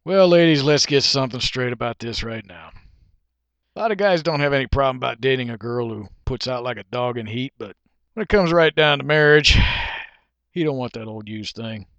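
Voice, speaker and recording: A man's voice: medium pitch, normal speed, a bit bright, no room sound, highs cut off. A man delivering a preachy, lecturing monologue that he illustrates with a parable. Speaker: monologue speaker.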